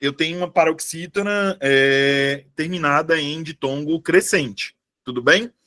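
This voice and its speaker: Chatty male teacher, high voice. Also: a little slow, pushed and bright. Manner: chatty, checks in often with the viewers. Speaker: online exam-prep teacher. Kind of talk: live online class.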